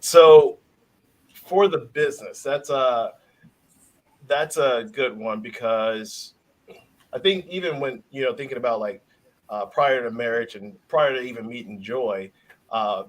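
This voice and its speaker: Man from Chicago, mid-pitch guest, earnest, halting. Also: rough recording. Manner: earnest, halting with fillers and restarts. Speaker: guest business owner. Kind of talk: casual interview chat.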